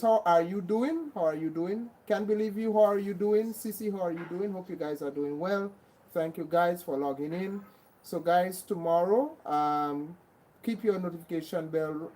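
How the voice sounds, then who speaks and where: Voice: mid-range voice, dark tone, a little hiss or hum, rough recording. A livestream host with a Grenadian accent, chatting casually and greeting and thanking viewers by name, often repeating herself.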